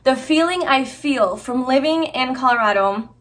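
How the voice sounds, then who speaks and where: Her high-pitched, expressive voice moves at a moderate pace as this young Hungarian vlogger talks casually and earnestly to viewers. She uses many fillers and often starts over.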